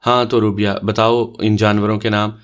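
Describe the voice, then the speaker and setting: Cheeky young guy running a party game, low voice, ribbing everyone, as a male reader puts him on. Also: level tone, muffled recording, natural voice. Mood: teasing. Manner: mischievous, bantering. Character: teasing playful young man, game leader.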